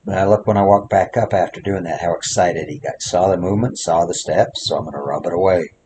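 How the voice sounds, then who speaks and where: A man with a low, deep voice talks through his training work outdoors in the snow. He speaks plainly and keeps coming back to the same short coaching phrases. Faint wind noise sits behind him. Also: fairly quick, warm tone. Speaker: horse trainer. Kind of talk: instructional commentary while working a horse.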